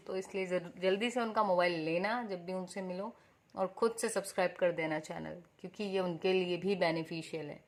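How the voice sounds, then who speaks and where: A woman teaching a computer lesson, explaining each point through everyday examples and rhetorical questions. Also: medium pitch.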